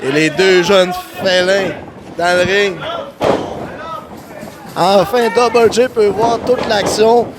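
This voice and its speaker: A man giving live play-by-play as a wrestling commentator, excited and exclamatory, often shouting. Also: sits high, slow pace, pauses often. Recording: noisy crowded venue, loud crowd behind. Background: crowd and event noise.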